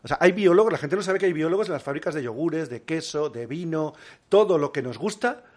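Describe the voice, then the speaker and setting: A man's voice: a little high, lively intonation, fairly quick. A man guest talking casually in an interview, explaining with examples and rhetorical questions. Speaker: guest biologist.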